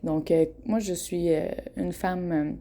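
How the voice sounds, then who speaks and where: A woman's voice: fairly low pitch, fairly even intonation, measured pace, warm tone. A woman in her twenties with a Québécois accent, hosting a casual solo podcast, frank and chatty, often laughing and tripping over her words. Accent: Québécois French. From Quebec. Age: 20s. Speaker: podcast host.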